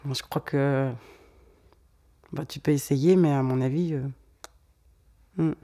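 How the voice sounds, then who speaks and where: A woman's voice: sits low, fairly even intonation, takes it slowly, dark tone. A woman speaking hesitantly in a casual conversation, giving personal memories and directions.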